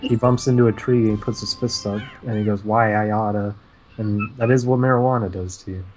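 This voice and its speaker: A man chatting casually on a stream, retelling a cartoon episode in a rambling way with frequent "uh" pauses. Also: lowish voice, fairly even intonation, a little mellow, faint music behind, poor audio. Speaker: stream co-host. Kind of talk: casual chat recapping cartoons.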